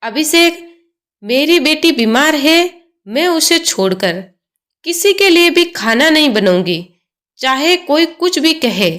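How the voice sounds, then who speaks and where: A woman voicing a young mother who is protective and resolute and speaks calmly but firmly. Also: high voice, slow pace, heavily acted. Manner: calm, resolute, pleading.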